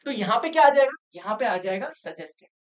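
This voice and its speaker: A woman teaching an English lesson in Hindi, often asking the students rhetorical questions to check they follow. She reads English sentences slowly, then explains them in Hindi. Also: on the high side, lively intonation.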